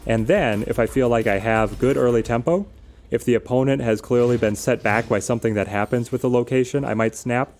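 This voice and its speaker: A man's voice: mid-range voice, a little fast, darkish tone. A man giving casual live game commentary as a streamer, thinking aloud and explaining strategy in a conversational way. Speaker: game streamer answering viewers' questions. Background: music.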